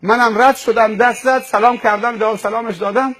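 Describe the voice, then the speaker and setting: A man's voice: very high voice, fairly even intonation, fairly bright tone, voice pushed up. A man voicing a rich male driver in a sermon story, apologising fawningly and pleading.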